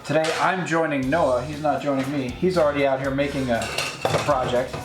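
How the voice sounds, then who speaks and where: A man's voice: mid-range voice, fairly even intonation, brisk, reverberant. Chatty man narrating a garage project. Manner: chatty and self-deprecating, explains steps as he works. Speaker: host of a DIY project channel. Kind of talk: casual workshop vlog narration. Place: home garage workshop.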